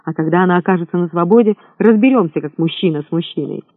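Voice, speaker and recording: Impulsive, hot-headed male adventurer, voiced by the narrator; high, tinny. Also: quick pace, no echo. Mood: persuasive. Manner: excitable, indignant. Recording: thin phone-like sound, dry.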